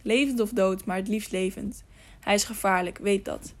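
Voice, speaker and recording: A stern grey knight speaks in sharp, harsh questions and curt commands, as a woman reads him out. The voice sits at an ordinary middle pitch, read aloud from a storybook. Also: fairly even intonation, moderate pace, natural voice. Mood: commanding.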